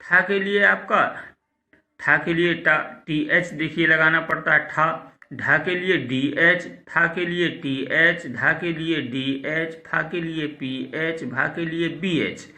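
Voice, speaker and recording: A man teaching a school language class online, slowly repeating words and contrasting wrong and right pronunciations. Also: on the high side, bright, forceful tone. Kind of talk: recorded online class lesson.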